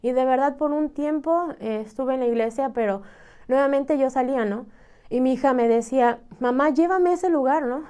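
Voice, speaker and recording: Earnest Mexican woman, smooth mellow voice. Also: high-pitched, steady tone, moderate pace. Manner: earnest, tags many phrases with a questioning "¿no?"; emotional storytelling. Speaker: church member giving testimony. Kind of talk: personal religious testimony.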